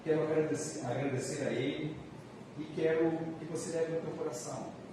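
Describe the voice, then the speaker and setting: A Brazilian man preaches as a pastor in a fairly high voice. He leans on repeated, drawn-out phrases for emphasis. The sound is strongly reverberant and distant from the mic, as in a big church room. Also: fairly even intonation. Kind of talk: church sermon. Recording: echoey hall, distant mic, noisy.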